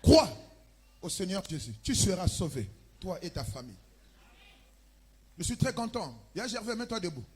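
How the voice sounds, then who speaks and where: A man with a Congolese French accent preaching a sermon as pastor, with loud emphatic bursts and chanted lines. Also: high voice, big pitch swings, moderate pace, long pauses, a little hiss or hum. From Republic of the Congo. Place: church.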